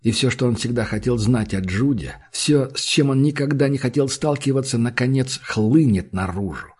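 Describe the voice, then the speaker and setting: A man reading a literary novel aloud in a measured, intense manner. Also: mid-range voice, darkish tone, slightly rough. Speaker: audiobook narrator. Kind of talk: scripted literary narration.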